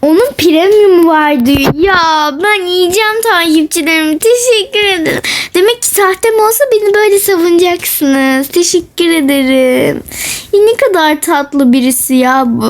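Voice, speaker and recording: A woman's voice: very high voice, expressive. A young woman chatting casually and playfully while commenting on her gameplay for her channel. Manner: chatty, playful, often drawn-out and teasing. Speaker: gaming vlogger.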